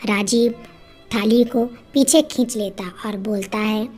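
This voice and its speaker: A woman narrating a moral story in a plain, steady storytelling manner. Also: mid-range voice, measured pace, soft background music.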